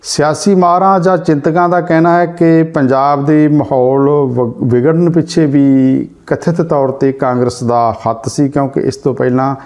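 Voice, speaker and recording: Male news commentator with a Punjabi accent, mellow and dark in tone, measured and restating. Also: fairly high pitch, steady tone. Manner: measured, rephrases points with several synonyms. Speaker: news presenter.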